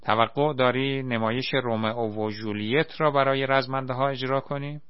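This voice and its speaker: A man voicing a bossy, frowning young amateur play director who speaks gruffly. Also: medium pitch, fairly even intonation, no room sound, muffled recording, close to an everyday voice. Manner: commanding, gruff.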